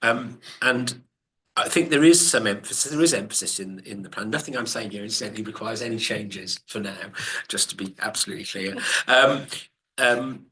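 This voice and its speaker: Bright-toned man speaking at a board meeting. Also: fairly low pitch, moderate pace. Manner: hesitant, many ums, thoughtful. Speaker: board member. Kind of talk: meeting contribution. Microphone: video call.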